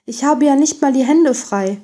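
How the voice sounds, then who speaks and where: A woman's voice: sits high, normal speed, dark tone, voice pushed up, lightly acted. A woman voicing a helpful little male circus bear in a bedtime story, good-natured and a bit breathless. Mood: cheerful.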